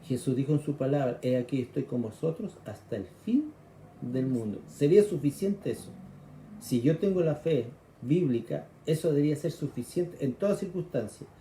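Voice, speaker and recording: A man's voice: mid-range voice, lively intonation, moderate pace, mellow, echoey room, slight background noise. A man with a Chilean accent preaching a sermon, explaining scripture conversationally and acting out the cries of frightened people. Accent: Chilean Spanish.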